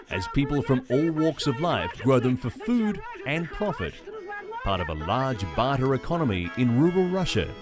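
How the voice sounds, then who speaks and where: Lively male news voice-over over music. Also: medium pitch. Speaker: news narrator. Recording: voice-over over music and crowd sound. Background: music and crowd noise.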